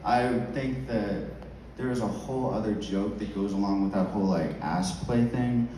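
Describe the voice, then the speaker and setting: A man's voice: fairly low pitch, normal speed. Echoey male stand-up comic, rambling and giggly. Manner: loose, informal, sweary, punctuated with giggly laughter. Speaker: stand-up comedian. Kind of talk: rambling stand-up comedy with crowd work. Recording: very echoey club, distant mic, audience noise.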